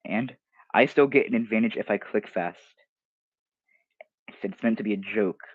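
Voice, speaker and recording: A man's voice: on the low side, moderate pace, dry recording, narrow, tinny audio. A teenage streamer, casually reading comments aloud and mocking them, often restarting his sentences.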